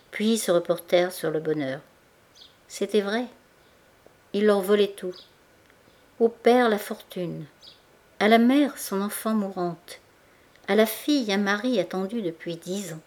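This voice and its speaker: Woman reading a novel aloud. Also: medium pitch. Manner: measured, expressive reading. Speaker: audiobook reader. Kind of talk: scripted narration.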